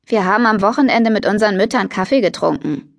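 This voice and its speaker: A woman's voice: medium pitch, expressive, fast, vocal fry, no echo. Cool know-it-all schoolgirl, read by a woman. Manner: cool, dry and lecturing. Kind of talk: audiobook character reading.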